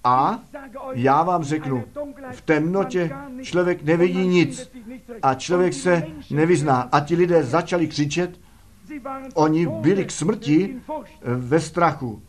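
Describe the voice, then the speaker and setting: A man preaching a sermon fervently, firing rhetorical questions at the congregation. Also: on the high side.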